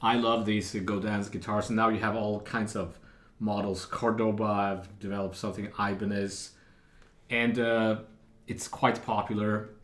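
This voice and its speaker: A man giving a casual guitar lesson, explaining patterns in a relaxed way with fillers. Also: on the low side, normal speed, roomy sound. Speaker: guitar teacher. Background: acoustic guitar playing.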